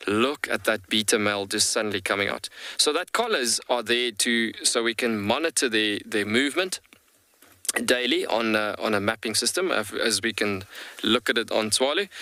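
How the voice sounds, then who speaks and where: A male wildlife guide gives live safari commentary in a low voice with a bright, forceful edge. He explains things in a halting, circling way, and the sound is dry and close. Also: no room sound.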